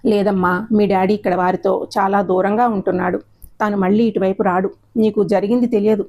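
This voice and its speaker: A woman's voice: medium pitch, fairly even intonation, brisk, mellow, lightly acted. A woman voicing an elderly retired male schoolteacher who lectures in a stern, moralizing way. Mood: lecturing. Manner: lecturing, preachy.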